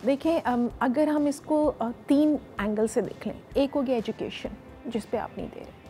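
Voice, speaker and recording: A woman psychologist with a Pakistani accent, explaining in a measured way and mixing English phrases into her Urdu, on a TV morning show. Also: high voice, warm tone, faint music behind. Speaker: psychologist guest. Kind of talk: studio interview. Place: TV studio.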